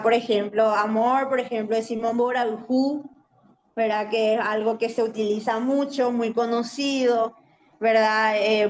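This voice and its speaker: Paraguayan lady teacher explaining stuff on the radio, highish voice, keeps saying verdad. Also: slight background noise. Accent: Paraguayan Spanish. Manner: explanatory, often adds "¿verdad?". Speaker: guest, Guaraní language teacher. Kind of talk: radio interview answers.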